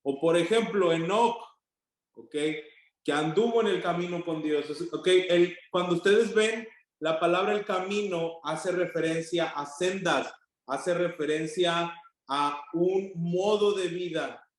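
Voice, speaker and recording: A man's voice: high voice, takes it slowly. A man teaching an online class, telling stories and checking in with the students. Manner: conversational, checks in with frequent "ok?". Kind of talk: online class lecture with anecdotes. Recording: very echoey room on an online call.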